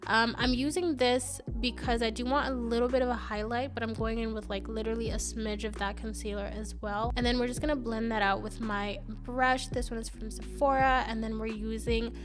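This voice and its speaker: A woman's voice: fairly high pitch, level tone, a little fast, few pauses. A young woman with a stuffy, congested nose narrating a makeup tutorial in a chatty, upbeat way. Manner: chatty, upbeat, many fillers. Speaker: beauty vlogger. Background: faint background music.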